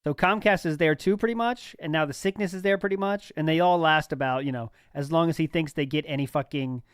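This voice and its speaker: A man's voice: fairly high pitch, brisk, clear, resonant tone, no room sound. Laid-back male stream host, dry sound. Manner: laid-back, chuckling, reads out submitted messages. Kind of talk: casual chat.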